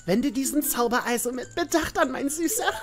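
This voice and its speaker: A woman voicing a flirty female fairy in a sugary, drawn-out, sing-song way. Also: sits high, expressive, pitched above the performer's own voice. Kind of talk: reading game dialogue aloud.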